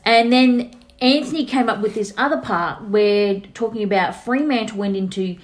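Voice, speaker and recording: A woman's voice: fairly high pitch, moderate pace. A woman with an Australian accent co-hosting a casual football chat, colloquial and full of opinions. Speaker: football podcast co-host.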